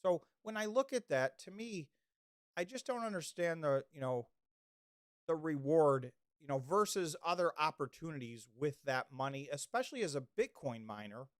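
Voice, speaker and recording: This livestream host has a fairly high, expressive voice and talks at a normal speed. He rambles through casual chat, keeps restarting, reads out chat comments, and is losing his voice, all captured in clean studio sound without echo.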